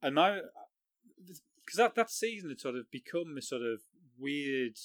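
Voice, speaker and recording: A man from Sunderland, co-host of a football podcast, telling anecdotes in a wry, lively way. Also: fairly high pitch, unhurried, dry recording, studio quality. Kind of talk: casual podcast chat.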